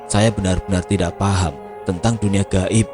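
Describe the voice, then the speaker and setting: A man's voice: sits low, fairly even intonation, moderate pace, natural voice. Man doing a humble Javanese becak driver. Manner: soft-spoken, modest. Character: humble older male becak driver, gentle. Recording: music playing behind.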